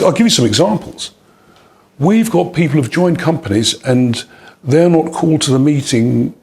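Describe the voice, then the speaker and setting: A man's voice: medium pitch, creaky, darkish tone. Gambian-born male speaker, emphatic and punchy, mid-range voice, interview answers. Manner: emphatic, builds points in rhythmic repeated lists. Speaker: leadership speaker.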